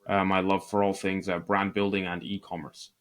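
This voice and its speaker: A man with a Scottish accent from Northeast Scotland, an e-commerce entrepreneur appearing as a podcast guest, tells his story candidly and self-deprecatingly in conversational interview answers. He has a low voice, speaks at normal speed, and delivers flatly.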